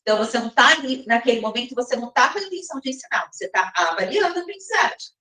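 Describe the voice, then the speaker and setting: A woman teaches a recorded lesson in a slightly high voice, explaining step by step and pausing to check that her listeners follow. She slows to read some passages aloud. Her voice is set back from the mic with a roomy echo around it. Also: expressive, pushed and bright, far from the mic. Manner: slows down and reads some passages slowly, as if from a text.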